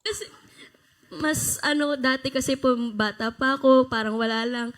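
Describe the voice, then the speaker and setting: A young woman guest on a TV show, speaking haltingly and emotionally. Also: high-pitched, a bit bright.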